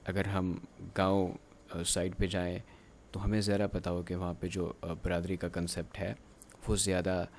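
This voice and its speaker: A male teacher with a deep, low voice gives a recorded grammar lecture. He works through each word slowly, pausing often. A faint hiss sits under the recording. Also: completely flat delivery. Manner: slow, halting explanation, drawn-out pauses between words; reads textbook lines in English, explains in another language.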